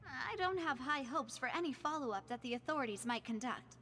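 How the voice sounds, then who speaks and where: A woman's voice: sits high, lively intonation, brisk, a crowd in the background. A woman voicing a confident, gracious young noblewoman in a game, speaking in an elegant, old-fashioned transatlantic style. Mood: earnest. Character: poised young noblewoman leading a secret group, confident and gracious. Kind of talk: game voice acting.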